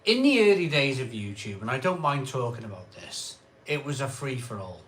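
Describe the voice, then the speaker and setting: A man's voice: medium pitch, very animated, moderate pace, fairly bright tone, a little hiss or hum. A man hosting a live beer review stream, chatting casually and rambling with restarts. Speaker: host of a beer review channel.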